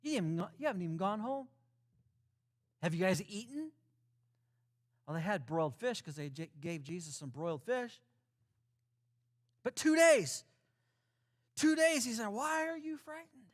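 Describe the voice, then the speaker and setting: A man delivers a sermon in a strikingly high register for a male voice. He preaches conversationally, leaning on rhetorical questions and lists of repeated phrases. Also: big pitch swings, normal speed, pauses often. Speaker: pastor.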